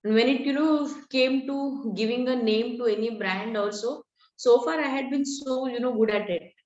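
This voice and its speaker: A woman's voice: fairly high pitch, normal speed, a little mellow, reverberant, dull audio. A woman with an Indian English accent asks for advice, hesitating and mixing in Hindi words. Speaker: participant asking for advice.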